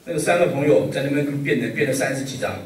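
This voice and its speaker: A male pastor preaching a sermon with humor and a steady stream of rhetorical questions. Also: mid-range voice, fast, slight background noise. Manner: lively, joking, full of rhetorical questions. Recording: echoey hall, voice from a distance.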